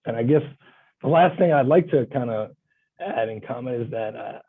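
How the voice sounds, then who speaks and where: A man's voice: mid-range voice, lively intonation, normal speed, gravelly, husky. A man from Bulgaria, a guest lawyer, answering interview questions in an earnest, passionate and emphatic way over a video call. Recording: thin phone-like line.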